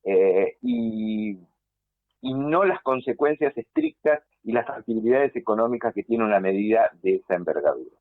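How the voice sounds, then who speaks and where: A man with an Argentine accent, a political consultant speaking by phone in an animated, analytical way on a radio interview. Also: medium pitch, normal speed, vocal fry, no echo. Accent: Argentine Spanish. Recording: tinny dry phone line.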